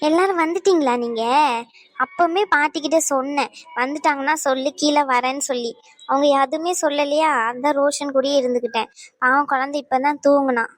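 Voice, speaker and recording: Woman doing a high-voiced cartoon sister-in-law, bossy, affectionate, teasing. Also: fairly quick, natural voice. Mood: chatty. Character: caring young cartoon woman Reshma, teasing friend.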